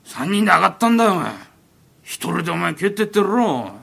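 Voiced by a man, a brash townsman needles and bosses in rough street talk, his gruff voice bright and lively. He scolds and teases by turns in this comic rakugo telling. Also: high voice, fast talker, heavily acted. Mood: teasing. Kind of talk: rakugo storytelling.

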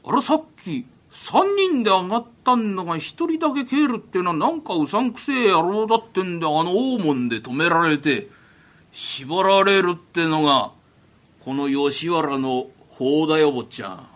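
Voiced by a man, a brash townsman needles and bosses in rough street talk, his gruff voice bright and lively. He scolds and teases by turns in this comic rakugo telling. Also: sits high, moderate pace, voice pushed down. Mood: teasing. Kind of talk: rakugo storytelling.

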